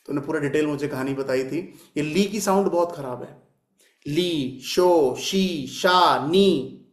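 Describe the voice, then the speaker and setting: Slow, deliberate male numerology teacher. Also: on the high side. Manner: repeats sounds aloud to demonstrate, asks and answers own questions. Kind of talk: classroom lecture. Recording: echoey room.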